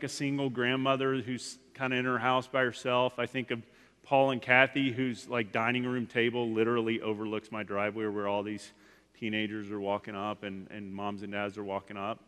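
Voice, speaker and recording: With long hall reverb filling the church sanctuary, a forties-aged male guest speaker gives a rambling, casual sermon heavy on "like" fillers and restarts. His medium-pitched voice is smooth yet pushed and bright.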